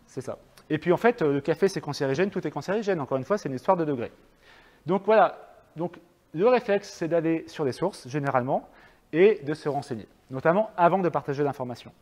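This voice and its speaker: French guy giving a talk, kinda high voice, lots of euh and restarts, echoey hall. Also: animated, fairly quick, a little mellow. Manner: conversational, hesitant, many fillers and restarts. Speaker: speaker giving a public talk. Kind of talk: lecture with audience questions. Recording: long reverb of a hall.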